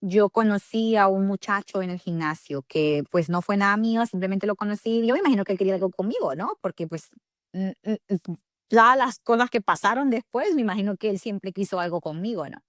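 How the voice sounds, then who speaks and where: A young Salvadoran woman with a Salvadoran accent recounts her life as a podcast guest. She speaks candidly and animatedly, pausing on fillers and restarting her sentences. The sound is dry and close. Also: mid-range voice, dry recording. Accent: Salvadoran Spanish. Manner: candid, animated storytelling with frequent fillers and self-corrections. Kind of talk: personal storytelling in an interview.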